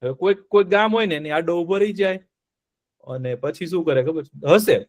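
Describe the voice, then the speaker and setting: A man's voice: on the high side, fairly quick, a little mellow. A man telling a story to children as a teacher, asking them questions and repeating the answers playfully. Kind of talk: interactive storytelling lesson for children.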